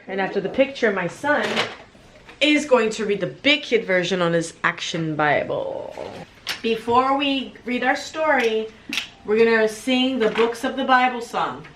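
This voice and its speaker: This is a woman running a homeschool vlog, chatting casually about the day's schedule from her home. Her voice sits at an everyday middle pitch, and she talks in a conversational, explanatory way. Clear clicking sounds run behind her. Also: background noise. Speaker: homeschooling mother and channel host. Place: family home.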